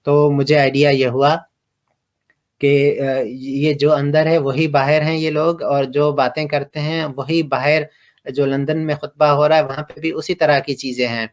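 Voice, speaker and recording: A middle-aged man from Pakistan, telling his personal story slowly and hesitantly, with many pauses and fillers. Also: fairly high pitch, level tone. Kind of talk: reflective personal testimony.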